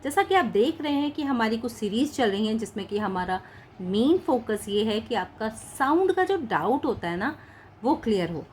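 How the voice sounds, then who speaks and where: A woman teaching a shorthand lesson in Hindi mixed with English words. She speaks patiently, slowly says each practice word and repeats it. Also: on the high side, sing-song, darkish tone, a little hiss or hum. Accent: Indian English words mixed into Hindi.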